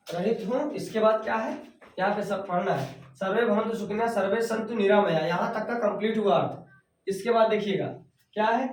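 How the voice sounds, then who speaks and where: A male teacher explaining Sanskrit verses at a board, slowly repeating words as he writes and chanting the verses. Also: high voice, distant mic. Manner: chants verses in a sung recitation. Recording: echoey room, voice off-mic.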